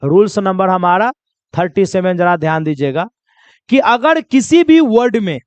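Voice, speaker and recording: High-voiced male teacher drilling questions. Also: expressive, moderate pace, no echo. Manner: drills with repeated quiz questions; addresses viewers as children. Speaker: English pronunciation teacher. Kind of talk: classroom-style lesson.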